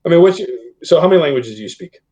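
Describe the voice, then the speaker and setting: A man's voice: a little high, animated, racing, warm tone. A man from the Boston area, a guest on a casual podcast, chatty and prone to side stories. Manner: chatty, laughs easily, tells side stories. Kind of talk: casual chat.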